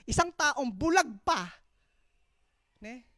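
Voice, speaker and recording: A Filipino woman delivers a sermon in a high, bright voice, and the sound is dry and close. She swings from loud exclamations to hushed storytelling, calling out "Amen" to her listeners. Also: very animated, takes it slowly, dry recording. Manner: mixes English into her preaching, calls out "Amen". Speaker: preacher.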